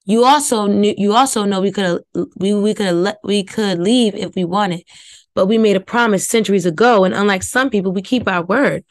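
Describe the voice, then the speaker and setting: A woman voicing a furious, foul-mouthed woman in a story reading, with loud, scolding outbursts. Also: medium pitch, fairly quick, natural voice. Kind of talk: audiobook reading.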